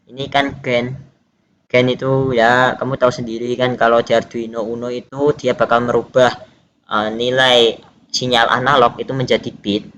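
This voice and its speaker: A young man walks through a technical lab project in a loose, conversational way. He hesitates, drops fillers and corrects himself mid-sentence. His pitch sits mid-range, with a faint hiss of noise behind him. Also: fairly bright tone. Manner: informal, hesitant, many fillers and self-corrections. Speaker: student explaining a lab project. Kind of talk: casual technical explanation.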